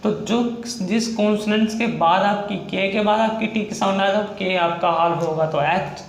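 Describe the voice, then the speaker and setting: High-voiced man teaching shorthand. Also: moderate pace, creaky. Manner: repetitive, patient explaining with frequent "theek hai" checks. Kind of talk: explaining a lesson step by step. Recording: echoey room with faint background noise.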